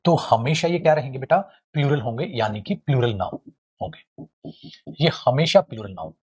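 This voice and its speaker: A man teaching English grammar in a lively, joking classroom lecture, calling his students friends and brothers. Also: medium pitch, normal speed, breathy edge.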